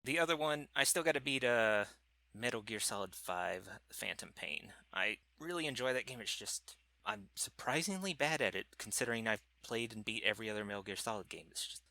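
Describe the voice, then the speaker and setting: Casual podcast co-host, male, lowish voice with a crisp bright edge. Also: animated, fairly quick, no room sound. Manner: rambling, self-correcting gamer talk. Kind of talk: casual chat.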